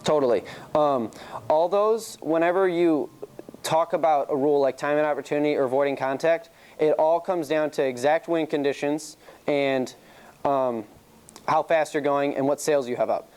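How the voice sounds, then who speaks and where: A young man leads a casual classroom chalk-talk, his voice sitting a bit high and coming through smooth and clean. He talks loosely, tells stories from his own experience and laughs easily. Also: normal speed, a little mellow. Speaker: sailing team presenter.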